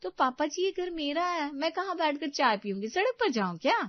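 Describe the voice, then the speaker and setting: A woman voicing a cheeky, scheming young daughter-in-law who is loud and talks back. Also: sits high, expressive, normal speed, no echo, voice pushed up. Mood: sassy. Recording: dull dry lo-fi recording.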